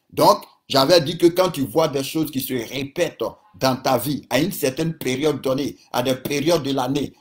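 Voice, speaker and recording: A man preaching a sermon and leading prayer, fervent, with repeated declarations and frequent interjections. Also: on the high side.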